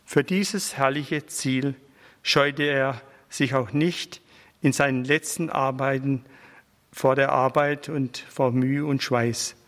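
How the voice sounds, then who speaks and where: A man reading a biography aloud in a slow, measured, reverent way. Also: medium pitch, fairly bright tone, big-room sound.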